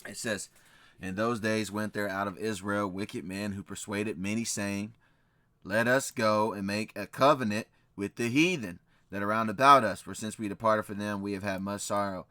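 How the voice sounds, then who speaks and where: With a fairly low pitch and a pushed, bright sound, a man hosts a reaction video where he reads old records and scripture and comments casually. His tone stays steady at normal speed as he emphatically repeats key phrases, dropping "right?" frequently; there is no echo.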